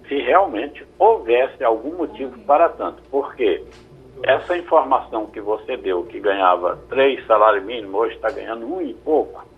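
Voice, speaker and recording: A lawyer, answering callers' questions on a radio call-in show in a measured, explanatory way. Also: male voice, medium pitch, husky. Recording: phone-like radio line.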